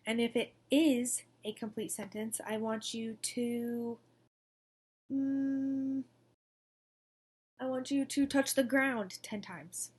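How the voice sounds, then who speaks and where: A woman's voice: fairly high pitch, fairly even intonation, takes it slowly, pauses often, a little mellow. A young woman teaching a recorded lesson to second graders, in an upbeat, coaxing manner. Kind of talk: recorded distance-learning lesson.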